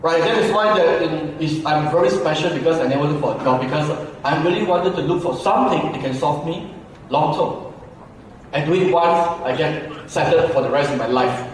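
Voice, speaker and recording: A man in his forties from Malaysia gives a talk in a big hall, with a slightly high voice. He keeps asking the crowd "right?". The sound is distant and echoey with a long reverb tail. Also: normal speed, slight background noise. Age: 40s. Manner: conversational, asks the audience questions and keeps adding "right?". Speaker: business speaker. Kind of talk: motivational seminar talk.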